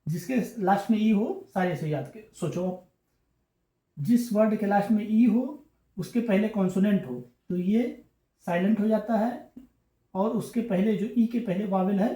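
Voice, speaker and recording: A man teaching a grammar lesson, explaining patiently and repeating himself, often pausing to check in with the class. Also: high-pitched, dark tone, echoey room. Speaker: English teacher.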